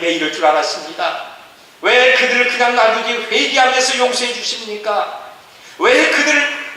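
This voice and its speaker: A resentful male prophet, put on by a preacher, whines indignantly, his voice pitched high and sharp. The sound is roomy and far off, like a church hall heard from the back. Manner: whiny, indignant pleading. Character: sulking, resentful male prophet complaining to God. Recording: echoey church hall from a distance.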